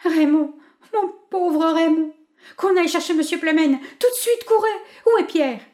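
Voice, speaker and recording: A woman reading aloud voices a young wife in anguish, her speech high, loud and breaking with distress. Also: expressive, moderate pace. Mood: frantic. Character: young grieving wife, frantic and tearful.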